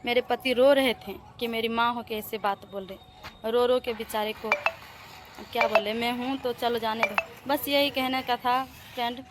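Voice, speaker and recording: A woman's voice: fairly high pitch, steady tone, moderate pace, very noisy. A young woman with a Bihari Hindi accent, vlogging in a plaintive, indignant way on a handheld phone as she walks through her family house and rooftop. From Bihar, India. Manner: plaintive, indignant, pleading to viewers. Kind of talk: aggrieved personal vlog.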